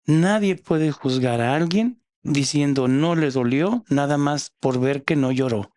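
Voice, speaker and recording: A man's voice: fairly high pitch, measured pace, darkish tone, dry recording. A man with a Mexican accent, a psychologist guest explaining things in a casual podcast chat with frequent restarts.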